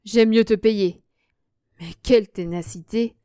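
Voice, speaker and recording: Woman reading a stubborn, cordial country gentleman. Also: mid-range voice, steady tone, fairly quick, clear, resonant tone, dry recording, clean studio sound, natural voice. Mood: firm. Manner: firm but friendly refusals.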